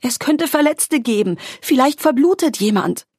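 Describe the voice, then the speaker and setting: A woman voicing a frightened woman who shouts over the noise after an explosion in an audiobook. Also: expressive, moderate pace, slightly rough, no echo, clean studio sound, exaggerated voice. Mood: panicked shouting. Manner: shrill, desperate shouting. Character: woman Kareen, shouting in panic.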